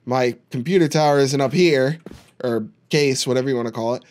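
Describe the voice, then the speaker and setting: A man's voice: medium pitch, a little fast, darkish tone. A man giving casual, jokey commentary while playing a horror game, with dry sarcastic asides. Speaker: video game streamer.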